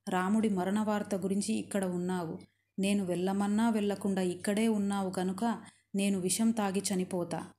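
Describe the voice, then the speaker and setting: A woman's voice: mid-range voice, steady tone, normal speed, warm tone, close to an everyday voice. A woman reading as a passionate young queen. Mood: accusing. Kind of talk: storytelling narration.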